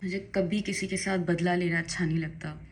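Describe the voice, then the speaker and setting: Doing her makeup at home for a casual get-ready-with-me vlog, this young Pakistani vlogger speaks in a lowish, steady, brisk voice. She's chatty and emphatic and flares up into indignant outbursts, and there's slight background noise.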